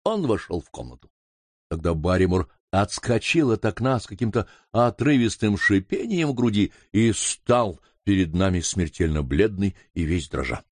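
Expressive man narrating an audiobook. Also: deep voice, moderate pace, no echo. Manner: expressive reading. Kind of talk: scripted narration.

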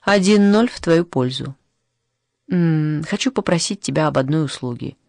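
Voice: medium pitch, expressive, moderate pace, creaky, a little mellow, no echo. A reader voicing a sheepish young man. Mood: teasing. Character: flustered, evasive young man, devil's envoy.

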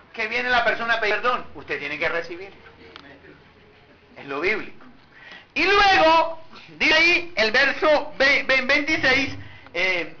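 A man preaching a sermon in a very bright, high voice that swings widely in pitch. He keeps asking his congregation rhetorical questions. The recording is a bit muffled, with faint noise behind him. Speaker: pastor.

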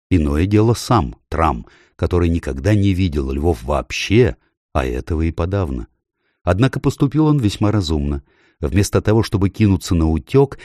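A man reading an audiobook aloud in a measured, expressive storytelling manner. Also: low-pitched, dry recording, clean studio sound. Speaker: audiobook narrator. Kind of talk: scripted audiobook narration.

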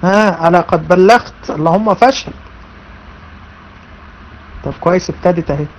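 A woman's voice: lowish voice, normal speed, low-quality recording. Emphatic Egyptian woman teaching religion. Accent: Egyptian Arabic. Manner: emphatic, repeats phrases, addresses students directly. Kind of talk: online religious lecture.

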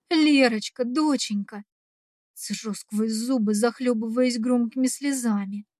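A woman's voice: a little high, darkish tone, no echo, studio quality. A woman reading a first-person dramatic story aloud, emotive, tense and urgent. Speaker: audiobook narrator.

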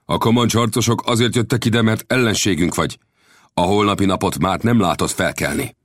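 A man's voice: lowish voice, no room sound, studio quality, voice pushed up, natural voice. A man voicing an arrogant warrior band leader in an audiobook, speaking in a haughty, curt way. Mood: threatening.

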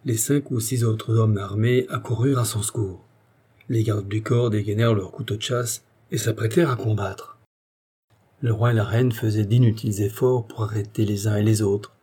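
A man narrating a historical novel as an audiobook, with steady, dramatic storytelling. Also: lowish voice, normal speed, breathy edge. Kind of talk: scripted narration.

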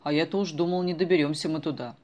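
A woman's voice: low-pitched, fairly even intonation, quick pace, mellow, lightly acted. A woman voicing a grumbling, self-assured teenage boy in an audiobook.

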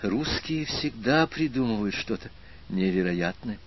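A man voicing a cheerful young American woman spy with a husky voice in an audiobook reading. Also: lowish voice, expressive, a little slow, lo-fi sound. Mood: gentle.

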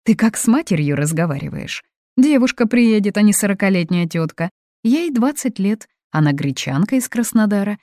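A woman reading an audiobook, voicing a domineering, controlling middle-aged mother who talks loud and imperious. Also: lowish voice, very animated, normal speed, no room sound, clean studio sound.

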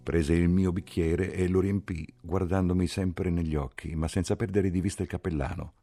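Very deep, husky male narrator. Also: fairly even intonation, normal speed, dark tone. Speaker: audiobook reader. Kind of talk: literary audiobook narration.

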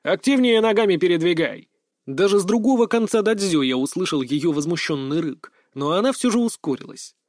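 A man reads a first-person audiobook in a wry, mocking tone, his voice high and rising and falling with lively energy. The sound is dry and close, with no room echo at all. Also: a little fast, few pauses. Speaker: audiobook narrator.

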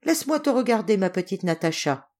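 A woman voicing an affectionate, gruff old Russian general in an audiobook, in a hearty, animated way. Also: mid-range voice, fairly quick. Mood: fond, hearty.

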